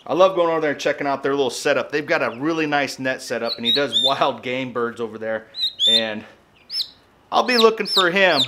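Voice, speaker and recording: Animated and brisk, a man with a medium-pitched voice that sounds pushed and bright vlogs about homesteading, chatting to camera in a folksy, colloquial way. He's in his thirties with an American accent. Background noise, outdoor wind, and birds accompany scenes in a yard and a garage.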